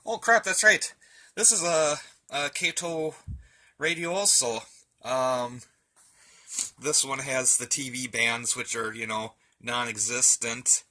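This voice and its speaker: Indoors in a room at home, a hobbyist presenter gives a rambling show-and-tell, thinking aloud in a folksy, colloquial way. He speaks slowly in a medium pitch with a sharp tone.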